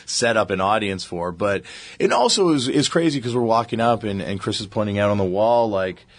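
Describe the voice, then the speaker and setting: Man, casual chat, excitable storyteller, frequent restarts, dry close-miked voice. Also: on the low side, fairly quick, dry recording.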